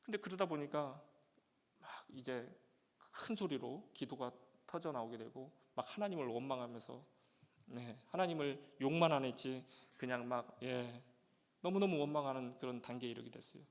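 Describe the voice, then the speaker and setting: A male pastor giving a sermon with a personal testimony, telling his story with many "예" fillers and breaking into loud, emotional prayer. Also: mid-range voice, normal speed. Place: church sanctuary. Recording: long church reverb.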